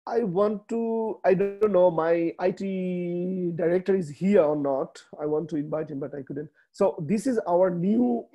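This is a man in his thirties from Bangladesh, a native Bengali speaker with a Bangladeshi accent, presenting slides in a webinar over a video call. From his small room he talks haltingly, restarting often and using many fillers. His voice is mellow and fairly high-pitched.

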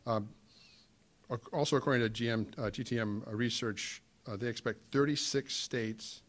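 A middle-aged man on a conference panel, talking from a podium mic in a meeting room, halting with many fillers and restarts. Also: fairly low pitch. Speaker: trade association panelist.

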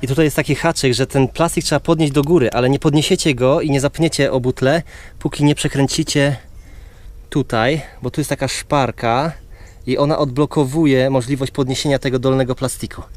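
A man's voice: medium pitch, slight background noise. A man vlogging at a campsite, explaining each step to his viewers in a casual, chatty way. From Poland. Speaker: vlogger and father. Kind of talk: casual how-to vlog narration. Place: outdoors at a campsite beside a caravan.

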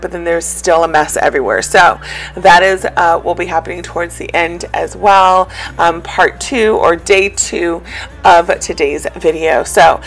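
A cleaning vlogger speaks casually in a voice-over, her voice lowish with a fairly bright tone. She rambles in a chatty way, filling her talk with lots of ums.

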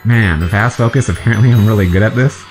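A man's voice: on the low side, fast talker. A man hosting a let's play, chatting and guessing aloud to himself as he plays through a video game. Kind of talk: gameplay commentary. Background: faint game music.

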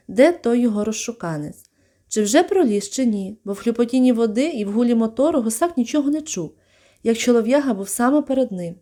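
A woman reading a children's story aloud, calm and expressive, giving brief voices to the characters. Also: on the high side. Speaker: audiobook reader.

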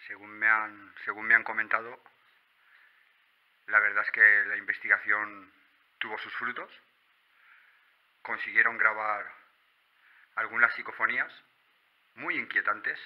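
A man from Spain, with a Spanish accent, talks in a lowish voice. He narrates a night exploration vlog on foot, hushed and halting, repeating words as he goes. The recording is muffled and dull. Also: fairly even intonation. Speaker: urban exploration vlogger. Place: on foot at night among abandoned rural buildings and woods.

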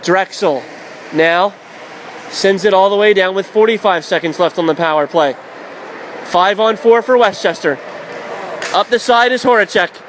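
Calling live hockey for radio, a high-voiced man follows each pass and shot at a rapid clip, breaking into shouts whenever the puck gets close to the net on shots and saves. Beneath his voice runs a faint hiss.

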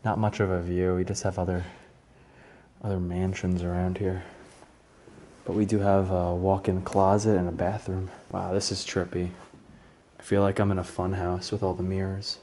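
A man with a deep, mellow voice talks his way through an empty house in a relaxed, musing walkthrough. The camera mic picks him up with a faint hiss behind him. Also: normal speed. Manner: relaxed, musing, low-key asides. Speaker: urban explorer filming a tour. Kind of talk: casual walkthrough narration. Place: indoors in a large empty house.

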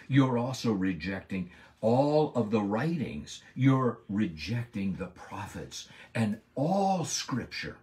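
A man giving a Bible lesson as a sermon, preaching emphatically and slowing down hard on key words. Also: low-pitched, darkish tone. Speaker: Bible teacher. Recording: voice a bit far from the mic.

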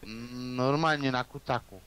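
A man's voice: medium pitch, steady tone, measured pace, a bit bright, a little hiss or hum. A man chatting casually and crudely while playing a video game. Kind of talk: casual gaming chat.

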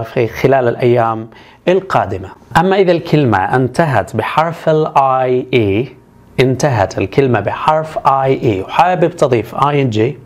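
A man teaching English spelling rules, who repeats each example word slowly and carefully. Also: mid-range voice. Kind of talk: explanatory spelling lesson.

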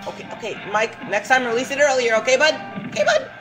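A gameplay commentator excitedly cheering on a computer-controlled fighter, with frequent hyped outbursts. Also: medium pitch, fast talker. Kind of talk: excited let's-play commentary. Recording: game music loud behind voice. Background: game music.

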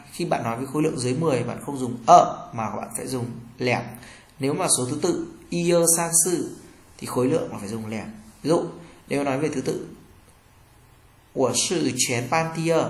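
A Vietnamese man gives a language lesson at a middle pitch. He reads each example aloud and then translates it. His voice rings a little in a roomy space. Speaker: Chinese language teacher.

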